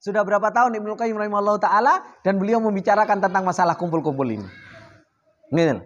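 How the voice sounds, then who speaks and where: The audio sounds dull as a man with a high, fast voice teaches a laid-back, spirited Islamic study circle. He quotes Arabic phrases before explaining them and puts rhetorical questions to his audience.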